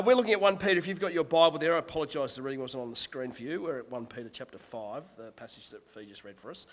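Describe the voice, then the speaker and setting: A man preaching a sermon as pastor, husky from a cold, in a conversational, self-deprecating way. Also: mid-range voice, a bit bright, in a large hall, slight background noise.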